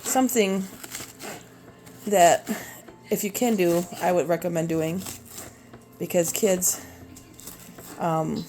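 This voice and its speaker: With soft music playing in the background, a Minnesota-accented woman in her thirties, a homeschooling mom and cooking vlogger, chops vegetables in her kitchen for a casual video. Her voice is fairly low, warm, and steady, though she rambles hesitantly with many fillers. A phone propped on the counter does the recording.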